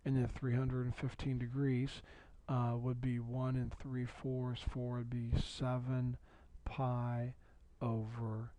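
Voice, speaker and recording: Male math teacher for a video lesson, dark mellow tone, dry close recording, patient and repetitive. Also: medium pitch, completely flat delivery, slow pace, no echo. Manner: patient, repeats key points, checks in with "okay?".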